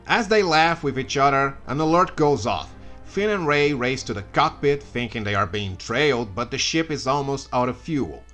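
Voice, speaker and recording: Guy narrating a comedy story recap, bright and kind of sharp, sarcastic asides, faint music underneath. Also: mid-range voice. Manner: sarcastic asides and mock outbursts.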